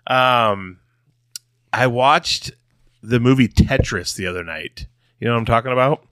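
A man's voice: medium pitch, unhurried, bright, forceful tone, dry recording, clean studio sound. A man co-hosting a podcast, chatting casually, laughing often and getting worked up over stories. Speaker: podcast co-host. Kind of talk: casual chat.

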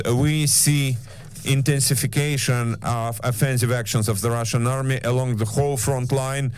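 A man interpreting in a translation voice-over played from a briefing, with a measured, halting delivery. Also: medium pitch, fairly even intonation, a little mellow, smooth, dry recording.

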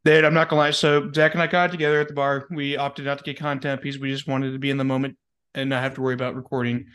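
An excitable man, co-hosting a casual sports podcast in slangy talk. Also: mid-range voice, rapid-fire, clean tone. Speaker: podcast co-host.

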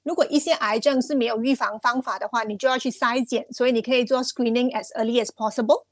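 A woman's voice: fairly high pitch, fairly even intonation, fast talker, no echo. A woman explaining things as an expert guest in a live interview, using examples and mixing in English terms. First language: not Cantonese; speaks it casually only. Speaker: expert guest, cancer researcher.

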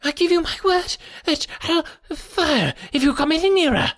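A man voicing a nervous, frightened gentleman in an audiobook, with a reedy, quivering voice and a fussily polite, agitated manner. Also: high-pitched, sing-song, moderate pace, no room sound, studio quality, pitched above the performer's own voice, heavily acted. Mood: frightened, threatening. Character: nervous, jittery, very fat sickly middle-aged gentleman, frightened. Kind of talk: audiobook character voice.

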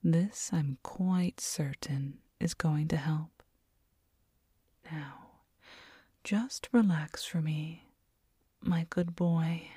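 Woman in a slow whispered role-play, right in your ear. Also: low voice, warm tone, husky, dry recording, clean studio sound, exaggerated voice. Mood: coaxing, doting. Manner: slow, tender, coaxing. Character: doting, teasing, nurturing girlfriend soothing her partner. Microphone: very close binaural microphone.

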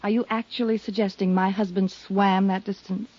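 An actress playing a guarded, defensive widow in an old radio drama, speaking in a cool, controlled way. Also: female voice, medium pitch, level tone, moderate pace, warm tone, no echo, close to an everyday voice. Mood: defiant. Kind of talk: 1950s radio drama acting. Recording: dull lo-fi old radio broadcast.

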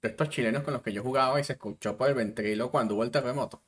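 Relaxed Venezuelan man, casual podcast chat. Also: rapid-fire. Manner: relaxed, slangy, drops to low voice in anecdotes. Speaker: podcast co-host.

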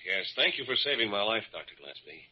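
A man's voice: fairly low pitch, very animated, fast talker, slightly rough. A man playing a hearty, grateful recovering patient in a 1940s-style radio drama. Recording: muffled old radio broadcast recording.

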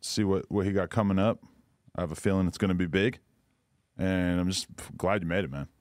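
A man's voice: deep voice, steady tone, brisk, no echo, studio quality. A middle-aged man hosting a podcast, talking casually and laid-back, swearing freely. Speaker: podcast host. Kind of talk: casual interview.

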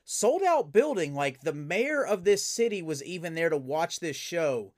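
A man, a professional wrestler, telling stories as a guest in a casual interview, animated and full of fillers and restarts. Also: a little high, unhurried.

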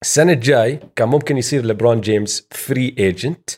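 Quick-talking man with a Levantine Arabic accent. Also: medium pitch, a little mellow. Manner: mixes English sports terms into Arabic. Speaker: sports show host. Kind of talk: casual basketball news commentary.

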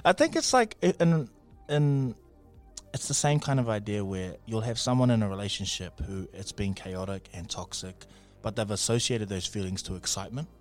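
A man's voice: lowish voice, animated, moderate pace, faint music behind. A man with a New Zealand accent chatting casually and jokily as co-host of a morning radio show. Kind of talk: casual, jokey radio chat.

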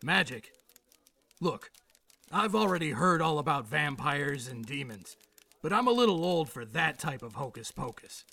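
An actor playing an exasperated, sceptical middle-aged police boss in an audio drama, with a gravelly rasp and a brusque, sarcastic beat-cop bark. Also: male voice, a little high, very animated, normal speed, bright, forceful tone, exaggerated voice. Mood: sceptical, stern. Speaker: police commander.

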